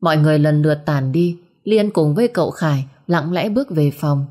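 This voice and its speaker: A woman narrating a drama story calmly and evenly. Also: low-pitched, brisk. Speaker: audiobook narrator.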